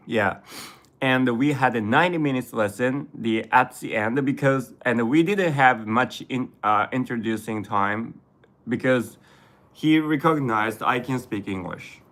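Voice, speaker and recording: A Japanese man with a Japanese accent, chatting casually on a livestream and reading chat, often halting and correcting himself. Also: mid-range voice, fairly bright tone. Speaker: vlogger reading live chat.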